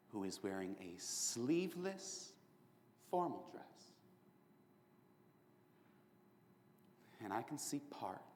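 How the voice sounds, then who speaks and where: A man performs a charming young serial killer on death row, sardonic and mocking as he taunts his listeners. His delivery swings from loud outbursts to low, hushed lines with a very lively pitch. The room gives a long, echoey hall reverb. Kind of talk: competitive prose interpretation. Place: performance room at a speech competition.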